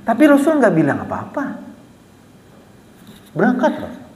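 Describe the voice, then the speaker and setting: A man with a very high-pitched voice and a Banjar Malay accent preaches at a moderate pace. His sermon is casual and full of stories, delivered with liveliness as he acts out quotes and questions the listeners. The small prayer hall is echoey, with long reverb.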